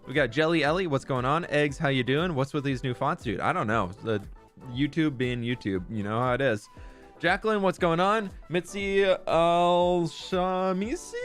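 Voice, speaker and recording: A man's voice: a little high, fairly bright tone. A young man live-streaming from a room at home, chatting casually and greeting viewers by name. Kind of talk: casual live-stream chat while gaming.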